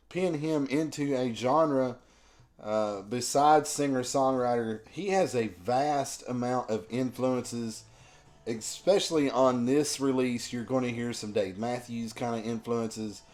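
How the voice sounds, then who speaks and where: A man with a sore, rough throat giving a casual album review, slow and loose with lots of ums. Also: medium pitch, a little mellow. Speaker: music reviewer.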